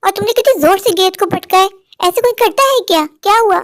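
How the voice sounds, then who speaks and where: A woman voicing a patient cartoon mother who explains things softly and calmly. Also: extremely high pitch, brisk, no echo, studio quality. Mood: gentle. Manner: soft calm explaining.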